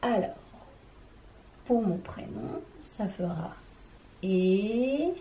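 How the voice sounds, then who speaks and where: Slow, mellow woman teaching a lesson. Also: mid-range voice, lively intonation, roomy sound, dull audio, a little hiss or hum. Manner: slow, careful, syllable by syllable; addresses the child directly. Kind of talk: children's reading lesson.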